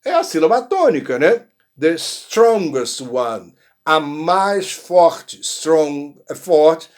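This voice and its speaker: A man with a Brazilian accent, teaching an English lesson and sounding out model phrases slowly, with frequent check-ins. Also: fairly high pitch, big pitch swings, darkish tone. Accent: Brazilian Portuguese. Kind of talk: explanatory language lesson.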